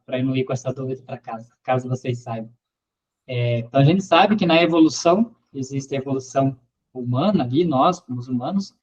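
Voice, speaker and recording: A man poses a question to his religious study group. His voice sits a little high and he speaks inquisitively. The recording sounds dull and muffled. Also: darkish tone.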